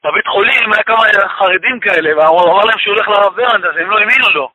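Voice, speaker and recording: Male storyteller, high-pitched and raspy, earnest religious testimony with emphatic repetition. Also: sharp tone, no echo, dull audio. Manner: repeats phrases for emphasis; religious expressions woven into speech. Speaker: guest telling a personal story. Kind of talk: emotional personal testimony.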